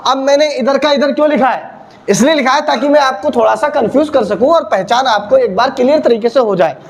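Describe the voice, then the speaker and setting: A man's voice: very high voice, fairly quick. A man teaching Quran recitation, drilling letter sounds by asking questions and answering them himself. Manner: repetitive call-and-response drilling, asks and answers his own questions. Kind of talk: classroom-style teaching video. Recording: noisy background.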